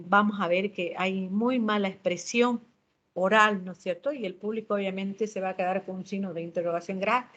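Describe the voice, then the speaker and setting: A woman's voice: medium pitch, a bit bright, muffled recording. A woman teacher giving a lecture on public speaking, explaining step by step and often checking in with short tag questions.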